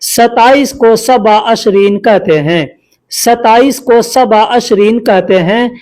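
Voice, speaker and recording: A man's voice: very high voice, slow, a little mellow. A man teaching a spoken language lesson, saying each line twice in a patient, repetitive way.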